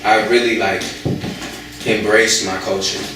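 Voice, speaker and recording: In an echoey room, a young American man from the United States talks casually in an interview, his voice distant. He speaks in a lowish, flat, unhurried voice, hesitating often with many fillers and restarts.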